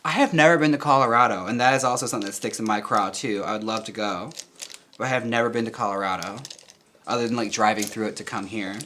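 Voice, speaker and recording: A man's voice: fairly low pitch, fast talker, bright, forceful tone, slight background noise. Chatty campy man, laughs often. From United States. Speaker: drag performer and channel host. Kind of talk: casual chat while reading viewer comments.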